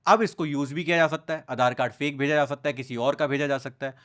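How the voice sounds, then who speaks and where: A young man speaks as a podcast guest, his voice sitting a little high for a man. He tells his stories with animation and slips English phrases into casual talk. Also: quick pace. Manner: animated storytelling, mixing English into speech. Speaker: news content creator, guest.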